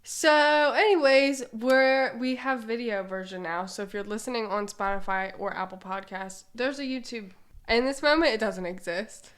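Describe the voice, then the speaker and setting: A woman's voice: on the high side, moderate pace, a bit bright. A young woman with a Southern accent co-hosting a podcast, chatting casually and joking with lots of laughs. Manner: joking, laughs often, drawls. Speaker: podcast co-host. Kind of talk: casual chat. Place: room, both hosts sharing a single microphone.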